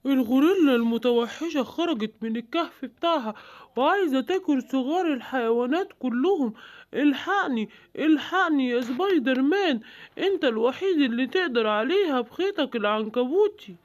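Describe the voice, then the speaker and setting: A woman's voice: high-pitched, animated, a little fast. A woman voicing a worried lion father who rules the jungle, in a cartoon, with an Egyptian Arabic accent and an urgent, pleading manner.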